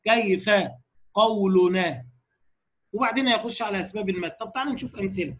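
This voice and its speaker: A man with an Egyptian Arabic accent giving a lecture on tajweed rules, slowing down to recite quoted lines and putting rhetorical questions to his class. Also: sits high, fairly bright tone. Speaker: Quran recitation teacher.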